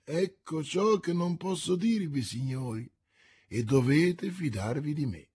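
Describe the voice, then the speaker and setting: A man's voice: a little high, animated, unhurried, a little mellow, husky, exaggerated voice. Man reading as a resolute young musketeer. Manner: decisive, commanding. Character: bold young male musketeer leader.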